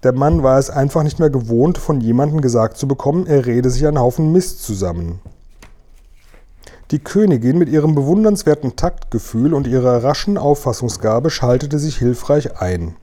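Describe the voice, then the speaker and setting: Man reading a kids book out loud, mellow voice, steady pace. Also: mid-range voice, moderate pace. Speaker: reader. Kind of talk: reading a children's book aloud.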